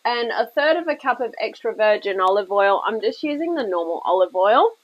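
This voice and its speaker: A New Zealand woman with a fairly high, lively voice talks briskly through a recipe step by step, chatty and reassuring, at her kitchen table. She's still a bit weak from illness and coughs now and then, and the recording's highs are cut off.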